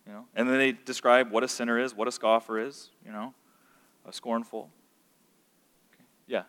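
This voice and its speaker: A man teaching scripture to a group, asking the room questions and getting louder and higher when he makes a point. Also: moderate pace, clean tone. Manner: animated, asks the room questions, rises in pitch when emphatic. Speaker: pastor teaching a class. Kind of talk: interactive Bible teaching. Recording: long hall reverb.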